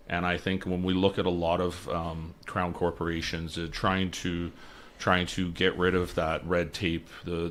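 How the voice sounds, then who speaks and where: Low-pitched and a bit bright, the voice belongs to a young candidate from the Lower Mainland, British Columbia, with slight background noise behind him. He answers interview questions earnestly in a radio studio, restarting and repeating words as he goes, with a studio mic on a boom arm.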